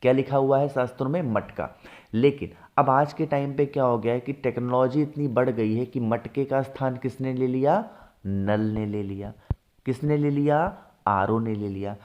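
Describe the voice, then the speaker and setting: A man teaching household ritual steps, often asking a question and then answering it himself, slowing down to stress key steps. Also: medium pitch, lo-fi sound. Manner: asks and answers his own questions. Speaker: religious ritual instructor. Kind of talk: devotional how-to teaching.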